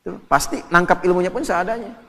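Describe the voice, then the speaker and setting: A man's voice: sits high, a little fast, creaky, slight background noise. Joking man preaching in a hall. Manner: lively, joking, rising to emphatic exhortation. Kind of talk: sermon. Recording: long hall reverb, faint ambience.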